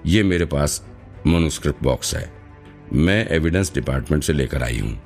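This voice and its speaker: Cheerful young female officer, quick delivery, a man reading it with a very deep voice. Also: animated, darkish tone, soft background music.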